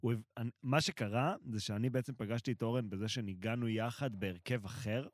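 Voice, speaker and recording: A man's voice: mid-range voice, dry recording. A man speaking as a podcast guest in casual, joking talk, slipping in English phrases.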